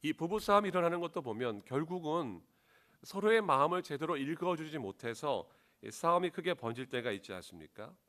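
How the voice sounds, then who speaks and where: A male pastor delivers a sermon with a lively, widely swinging pitch. He asks the congregation questions and draws them in. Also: a little fast.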